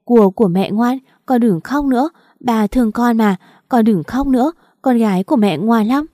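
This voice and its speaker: Woman narrator voicing a young mother, tearful, pleading, mellow voice, dry close sound, audiobook. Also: fairly high pitch, normal speed, dry recording, lightly acted. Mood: soothing tearful. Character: young mother pleading at her husband's bedside.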